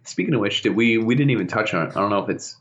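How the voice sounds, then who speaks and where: A man co-hosting a podcast in casual chat, talking in an animated way and telling stories. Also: very fast. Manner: animated storyteller, bursts into high laughing impressions. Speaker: podcast co-host. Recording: dull lo-fi podcast audio.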